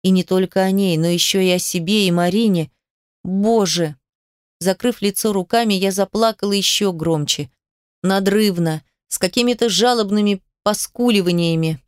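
A woman's voice: medium pitch, moderate pace, clear, resonant tone, no echo, clean studio sound. A woman reading a first-person story aloud in an emotional, intimate way. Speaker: narrator. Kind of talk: first-person audiobook narration.

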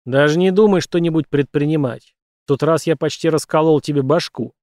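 A man's voice: on the high side, fairly quick, no room sound, studio quality, close to an everyday voice. A man voicing a brutal, threatening thug. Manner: loud, blunt and threatening. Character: menacing brutal young man, cold and threatening. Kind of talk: audiobook character reading.

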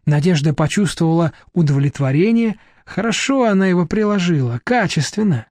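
Male audiobook narrator, lively and mellow, dry studio sound. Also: sits high, fairly quick, no room sound. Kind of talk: scripted narration.

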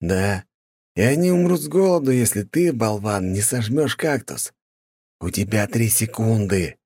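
A man's voice: lowish voice, expressive, very slow, creaky, voice pushed up, heavily acted. A man voicing a cruel, spoiled young male viscount who taunts a servant in a sneering, sadistic manner. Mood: sneering menace.

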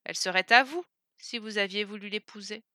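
A woman's voice: mid-range voice, brisk, sharp tone, no echo, clean studio sound, lightly acted. A woman voicing a poor male beggar who talks in a firm, scolding, commanding way. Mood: stern. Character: stern poor male beggar, gruff and bossy.

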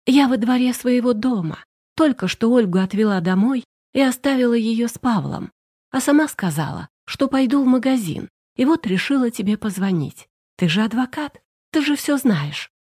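Sobbing, stammering young woman in panic, played by a female audiobook reader, pitched higher, dry close sound. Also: lively intonation, moderate pace, darkish tone, husky, no echo. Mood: tearful panic. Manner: tearful, breathless, stammering.

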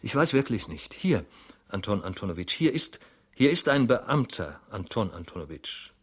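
A man's voice: medium pitch, sing-song, moderate pace, breathy edge, voice pushed up. A man voicing a timid middle-aged male clerk who stammers, halts and keeps repeating himself, in an audiobook reading. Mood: anxious, pleading.

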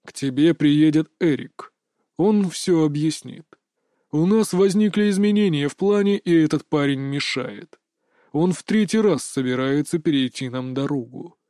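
A man voicing a menacing crime boss who speaks through a phone in a cold, metallic voice, slow and commanding. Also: a little high, dark tone, no room sound, clean studio sound. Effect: metallic, altered voice. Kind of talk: audiobook narration.

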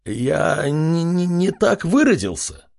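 A man voicing a fat, suspicious male boar chieftain in a fantasy audiobook, with a husky voice. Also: medium pitch, sing-song, a little slow, dry recording, clean studio sound, full character voice. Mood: angry, frightened.

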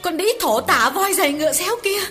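Shrill, cursing betrayed wife near thirty, high and sharp. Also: male voice, lively intonation, a little fast, faint music behind, heavily acted. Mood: enraged. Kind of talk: audiobook character voice.

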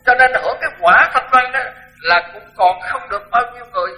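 A man's voice: very high voice, expressive, fairly quick, pushed and bright, low-quality recording. An older man, a Buddhist monk, giving a frank, blunt dharma talk and repeating words for emphasis.

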